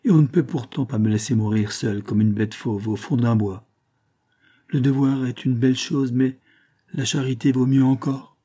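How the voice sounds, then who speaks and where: A man's voice: mid-range voice, fairly even intonation, moderate pace, mellow, close to an everyday voice. A man voicing a sick, self-pitying middle-aged glassmaker who moans and pleads in a plaintive, feverish voice. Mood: pleading. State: feverish and in pain.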